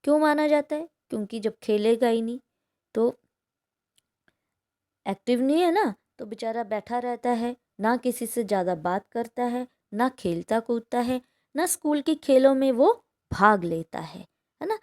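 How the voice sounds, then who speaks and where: A woman's voice: a little high, expressive, a little slow, a little mellow. A woman teacher reading a story aloud to pupils, then explaining it line by line and often asking "है ना?". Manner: reads a passage, then explains it with frequent "है ना?" checks. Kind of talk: explaining a textbook chapter to pupils.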